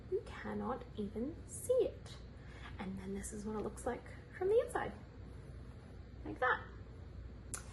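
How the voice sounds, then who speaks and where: A woman's voice: a little high, slight background noise, rough recording. A woman hosting a sewing tutorial, chatting informally and playfully as she talks viewers through each step. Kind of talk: informal step-by-step craft demonstration.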